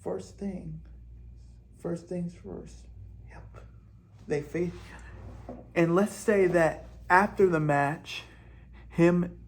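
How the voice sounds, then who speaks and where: A man with a somewhat high voice lays out wrestling storylines at an unhurried pace. He rambles and restarts his sentences as he speculates. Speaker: host. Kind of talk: wrestling fantasy-booking commentary.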